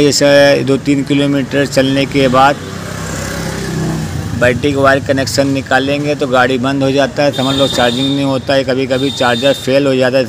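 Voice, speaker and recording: A male mechanic talks through a hands-on repair in a steady, even voice with little rise and fall. He explains things plainly and keeps circling back with fillers. It was recorded outdoors on a camera mic, with clear street and traffic noise behind him. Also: mid-range voice. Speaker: motorcycle mechanic.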